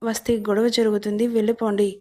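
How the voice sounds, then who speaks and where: A woman voicing a shy, hurt young bride who begs softly in a storybook reading. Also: medium pitch, completely flat delivery, fast, lightly acted. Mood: hurt pleading.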